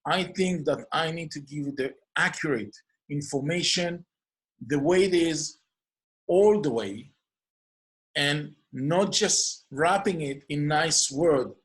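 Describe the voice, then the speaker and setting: An earnest man with an Israeli accent, a native Hebrew speaker, introduces his program on his own as host. His fairly bright voice sits a little high, he speaks slowly, and he tends to string out phrases in lists of near-synonyms.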